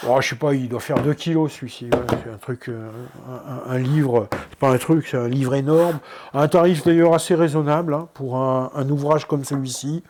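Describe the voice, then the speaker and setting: A photographer presenting his photo books in a casual show-and-tell, hesitant, with many fillers and restarts, often trailing off softly. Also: mid-range voice, steady tone, normal speed, a little hiss or hum. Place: indoors at his book shelves.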